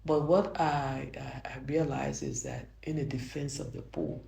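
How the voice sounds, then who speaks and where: An older Liberian woman, a judge, answers interview questions and reflects on her story in a soft, gravelly, mellow voice that rumbles low with a steady tone and measured pace. She speaks earnestly, restarting phrases often and growing emphatic as she presses her points. The room gives a clear, roomy echo with slight background noise.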